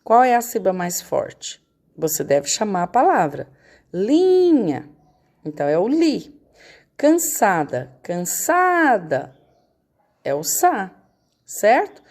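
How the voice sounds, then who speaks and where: A woman's voice: mid-range voice, big pitch swings, unhurried, a little mellow. A woman teacher going over homework in a recorded lesson, patient and checking in with her students often.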